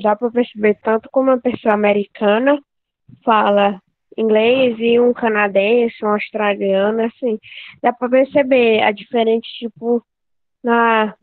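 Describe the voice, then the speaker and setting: Brazilian student girl in online class, highish voice, hesitant, sounds like a phone line. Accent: Brazilian Portuguese. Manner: hesitant, searches for words. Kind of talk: classroom answers.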